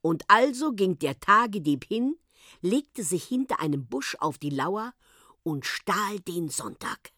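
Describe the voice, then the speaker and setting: A woman reading a children's story aloud as an expressive narrator. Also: medium pitch, a little slow, dry recording, studio quality.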